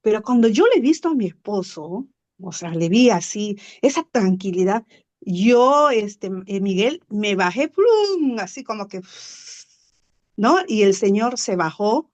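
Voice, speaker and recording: A woman guest telling a story in casual conversation, chatty and animated, leaning on fillers and tag questions and acting out sounds. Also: mid-range voice, a little slow, lo-fi sound.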